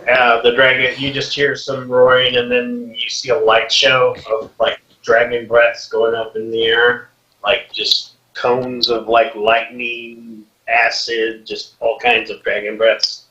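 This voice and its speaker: A man's voice: mid-range voice, completely flat delivery, slow pace, bright, forceful tone. A man narrating as game master in a tabletop game, casual and laughing often, jumping into character voices. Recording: lo-fi echoey mic from a distance.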